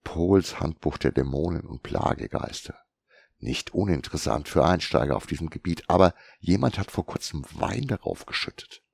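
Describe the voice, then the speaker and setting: A man voicing a gruff, shrewd old male bookseller who grumbles and lectures, in an audiobook. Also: low-pitched, lively intonation, moderate pace, darkish tone, no echo, exaggerated voice. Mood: musing. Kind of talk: audiobook character reading.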